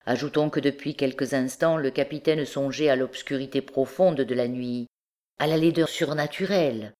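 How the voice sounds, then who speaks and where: A woman reads a classic novel aloud in a calm, measured way. Her voice sits low and deep for a woman. The pacing is steady, like a careful audiobook narration. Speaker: audiobook reader.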